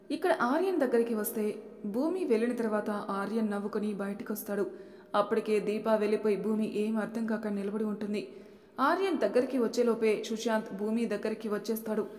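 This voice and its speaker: A woman narrating an audiobook story in a plain, steady storytelling manner. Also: mid-range voice, brisk. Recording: echoey room with long reverb.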